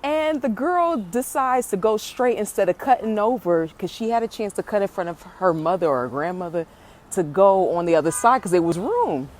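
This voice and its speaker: Animated woman telling a funny confession. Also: medium pitch, moderate pace. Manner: animated, laughs through her story, addresses viewers as y'all. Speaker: vlogger. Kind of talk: casual confessional storytelling to camera.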